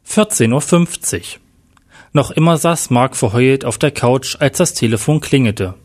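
A man's voice: mid-range voice, unhurried. Man reading a story aloud. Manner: plain, steady reading. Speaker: narrator. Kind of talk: read-aloud story narration.

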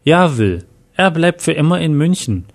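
A man's voice: a little high, very animated, moderate pace, vocal fry, pitched above the performer's own voice, full character voice. A man voicing a sad male ex-detective who speaks in a subdued way.

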